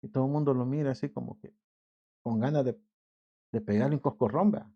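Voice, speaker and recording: A male pastor with a Salvadoran accent giving a conversational sermon, acting out short everyday scenes in quick voices. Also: medium pitch, breathy edge, lo-fi sound. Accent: Salvadoran Spanish. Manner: conversational preaching, acts out little scenes in quick put-on voices.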